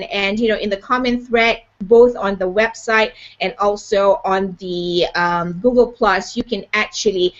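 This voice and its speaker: A woman from Malaysia hosting a live online show, upbeat and chatty with lots of "you know" fillers, over a video call. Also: on the high side. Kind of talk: live webcast chat. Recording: dull lo-fi video call audio.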